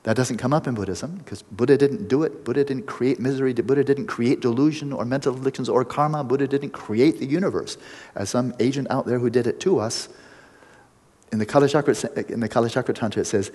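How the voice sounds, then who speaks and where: Husky-voiced man giving a reflective dharma talk. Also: medium pitch, darkish tone, long reverb tail. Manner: measured and reflective, often restarting phrases. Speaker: Buddhist teacher.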